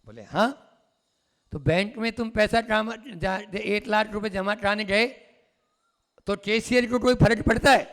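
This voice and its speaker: A man, a monk, giving a sermon as a storyteller who acts out the voices in his tales and slowly repeats key phrases. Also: high-pitched, a bit bright. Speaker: Jain monk preacher. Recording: long hall reverb.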